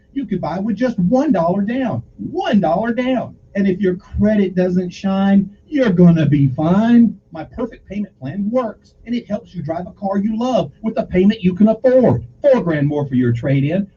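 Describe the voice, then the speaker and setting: A man's voice: sits high, mellow, distant mic. A man delivering a scripted radio advertisement as a car dealer announcer. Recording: dull lo-fi audio, some background noise.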